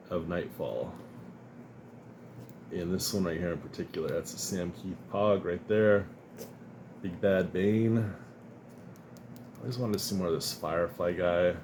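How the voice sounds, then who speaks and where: A comic collector's vlog features a man whose voice sits low, with slight noise in the background. Chatting loosely about his comic and card haul, he rambles, laughs frequently, and sniffles a bit from the dust.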